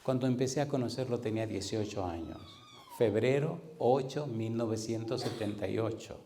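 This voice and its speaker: A man in his fifties preaching a sermon to a live audience, often asking them questions and slowing down to stress scripture. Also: medium pitch, mellow. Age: 50s. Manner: engages the audience with repeated questions; slows down to stress scripture readings. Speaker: pastor.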